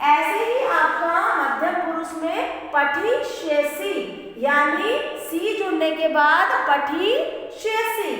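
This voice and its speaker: Woman teacher, high voice, slow and patient, drilling and questioning, echoey hall. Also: lively intonation, fairly bright tone. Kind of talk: classroom lesson. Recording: echoey room with long reverb.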